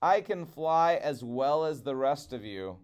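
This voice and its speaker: Storybook trickster coyote, played by a man: raised pitch, eager, proud, foolish, excitable. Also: measured pace, clean tone. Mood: boastful. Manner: excitable, exclaiming. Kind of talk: trickster tale character voice.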